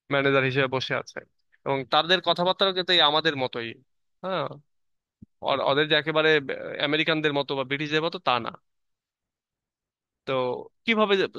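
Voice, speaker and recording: Bright-voiced Bangladeshi man teaching. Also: a little high, clean tone, no echo, dull audio. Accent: Bangladeshi Bengali. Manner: reads English lines slowly, then explains them conversationally; frequent fillers and self-corrections. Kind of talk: lecture explaining an English text in Bengali.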